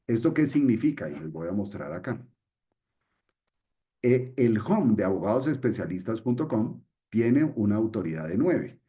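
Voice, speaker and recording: A man's voice: fairly low pitch, sing-song, normal speed, mellow. A middle-aged man presenting a webinar, explaining step by step and repeating his key points. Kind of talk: screen-share webinar explanation.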